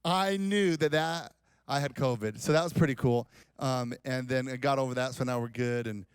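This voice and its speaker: A man's voice: mid-range voice, normal speed, smooth, no echo. A man in his forties, a pastor giving a casual, rambling, joking talk at a conference. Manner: rambling, self-deprecating, joking. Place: conference hall.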